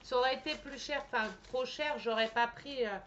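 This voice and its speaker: A woman casually chatting through an unboxing at home, enthusiastic and often pausing to search for words. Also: high-pitched, fairly bright tone. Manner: chatty, enthusiastic, with frequent hesitations. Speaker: vlogger reviewing a purchase. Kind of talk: casual unboxing and screen walkthrough. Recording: slightly muffled home recording with faint background noise.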